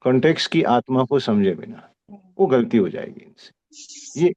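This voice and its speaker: An older man with a mid-range voice talks like a seasoned mentor, unhurried and kindly. He keeps checking that his listener follows him. The sound is muffled, like a video call. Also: medium pitch, expressive, darkish tone. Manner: fatherly, calls the presenter "beta", explains slowly with rhetorical checks. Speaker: senior homeopathy teacher giving feedback. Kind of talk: mixed Hindi-English teaching talk.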